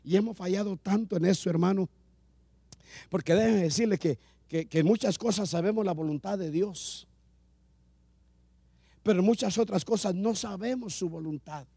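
A man's voice: high-pitched, normal speed, gravelly, pauses often, mellow, husky, dry recording. A man pastor preaching a sermon, repeating phrases and rising in emphasis as he addresses his congregation.

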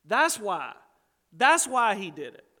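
Pastor, male, high bright voice, emphatic sermon delivery, long hall reverb. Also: very animated, takes it slowly. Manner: emphatic, asks the congregation rhetorical questions.

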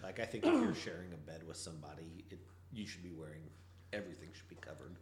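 A man's voice: low voice, very animated, fast, a crowd in the background. A man co-hosting a podcast in casual chat, dropping dry, wry remarks. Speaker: podcast co-host.

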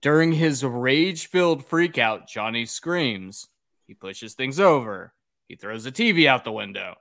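A man's voice: mid-range voice, lively intonation, a little slow, gravelly, fairly bright tone. A man co-hosting a podcast, gleefully narrating a bad film's plot in a crude, joking casual way. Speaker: podcast co-host. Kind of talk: casual comedic movie recap.

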